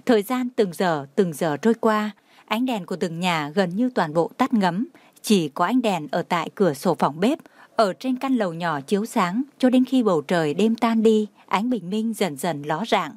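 A woman reading a story aloud in a steady, even narration. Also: medium pitch, normal speed, no room sound.

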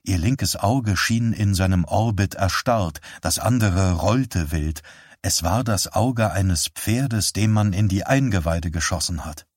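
A man narrating an audiobook in a slow, unhurried delivery with a fairly low voice. His reading is measured and solemn. The sound is dry and close. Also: slightly rough, no echo.

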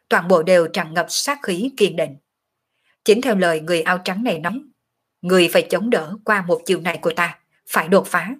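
A woman narrating a martial arts novel as an audiobook in a steady, dramatic storytelling manner. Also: on the low side, breathy edge.

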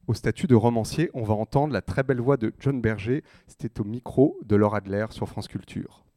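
A man hosting a radio interview, introducing clips and guests in a measured way. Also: on the low side, dark tone, dry recording, studio quality. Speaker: radio host.

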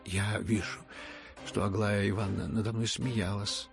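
A man reading an audiobook and voicing a gentle, shy young prince who talks softly and hesitantly. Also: fairly low pitch, normal speed, gravelly, faint music behind. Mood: meek. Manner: hesitant, soft-spoken, stammering.

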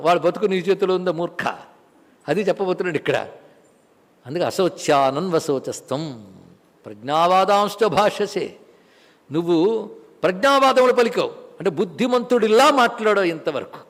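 A man with a Telugu accent giving a religious discourse on scripture, telling stories and chanting verses slowly. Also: sits high, big-room sound. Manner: storytelling, chanting verses in a slow measured tone. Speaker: spiritual lecturer.

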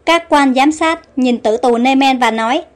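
A woman narrating a storybook, reading every character's lines herself in a mostly even voice. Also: high voice, normal speed, faint music behind. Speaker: audiobook narrator.

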